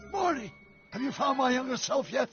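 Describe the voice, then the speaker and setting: An actor playing an older, eccentric scientist who talks with lively excitement in a video game. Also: male voice, extremely high pitch, moderate pace. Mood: quirky. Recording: dull lo-fi game audio with music.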